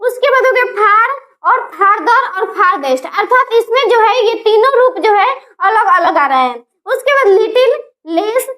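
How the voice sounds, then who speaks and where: A woman teaching a grammar lesson, spelling words out letter by letter and slowing down to sound them out. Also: extremely high pitch, animated, sharp tone.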